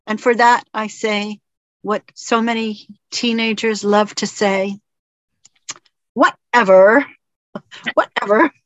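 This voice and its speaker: A woman's voice: mid-range voice, level tone, measured pace, dry recording. A woman minister giving a reflective sermon in an earnest storytelling manner. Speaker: spiritual minister and teacher. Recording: dull lo-fi recording.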